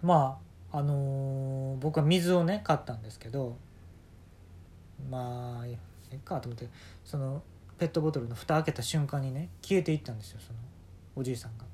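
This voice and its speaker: A man's voice: mid-range voice, normal speed, slight background noise. A man with a Kansai accent telling a comic story alone, throwing in snappy retorts. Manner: snappy comeback-style retorts, animated.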